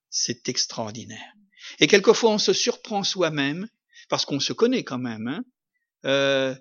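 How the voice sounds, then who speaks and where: A man's voice: fairly high pitch, fairly bright tone. A man preaching an informal sermon, talking in a conversational way with frequent tag questions and sudden emphatic bursts. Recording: muffled lo-fi recording.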